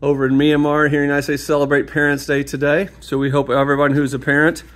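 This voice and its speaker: A man's voice: on the high side, level tone, quick pace, a bit bright. A man giving an enthusiastic, rambling walkthrough of a new church and school building, filming on a handheld phone as he walks the empty halls and gym. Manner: enthusiastic, rambling, often drops to a mutter. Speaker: parish staff member giving a building tour. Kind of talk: casual walkthrough narration. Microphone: handheld phone camera, speaker off screen.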